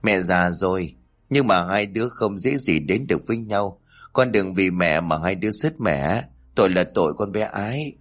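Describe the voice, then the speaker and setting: A man's voice: low voice, animated, normal speed. A man reading aloud, voicing a frail, bedridden elderly mother in a family storybook tale who speaks weakly and pleadingly. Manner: weak, pleading.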